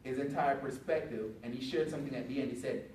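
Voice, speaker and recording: A man's voice: mid-range voice, quick pace, a little hiss or hum. Male panelist, casual storyteller, distant mic in a reverberant hall. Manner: conversational, animated when quoting others. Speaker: veteran panelist. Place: event hall. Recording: echoey room from a distance.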